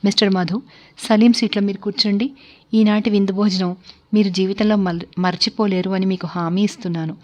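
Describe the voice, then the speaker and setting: A woman's voice: medium pitch, fairly even intonation, brisk, a little mellow, close to an everyday voice. A woman voicing a stern, cruel-edged wealthy man hosting a dinner, speaking curtly and with command. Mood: smooth. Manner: curt and commanding. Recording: dull lo-fi recording.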